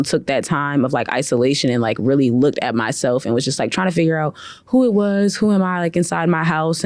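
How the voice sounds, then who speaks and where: A woman's voice: deep voice, dry recording. A young woman from Cleveland, a guest in a casual interview, talking freely with many "like" fillers. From from Cleveland, Ohio. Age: young adult. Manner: chatty, full of "like" fillers.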